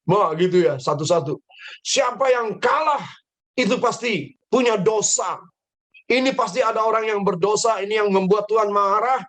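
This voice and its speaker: Man, children's church teacher, Bible storytelling, animated, high-pitched. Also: normal speed, rough recording. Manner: animated, addresses children directly.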